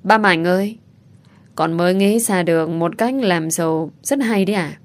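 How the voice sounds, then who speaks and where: A woman's voice: on the low side, normal speed, lightly acted. Woman doing a sweet eager little boy. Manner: pleading, childlike questions.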